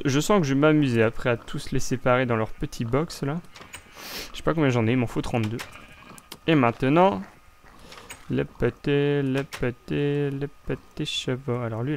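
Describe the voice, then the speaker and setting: A man's voice: mid-range voice, slight background noise. A young man with a French accent chatting casually as he plays a building game, rambling with lots of restarts. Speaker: Minecraft let's play host. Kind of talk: casual gameplay commentary.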